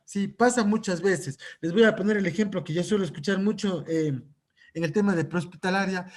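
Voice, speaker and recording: A man lecturing at a conference on psychological first aid, checking in with his audience through frequent rhetorical questions. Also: high voice.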